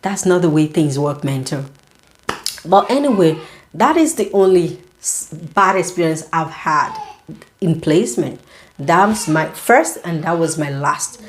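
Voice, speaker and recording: A young woman, a student nurse, telling a story in a casual vlog, animated and indignant, with lots of "you know". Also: low voice, measured pace, a little hiss or hum. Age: young adult.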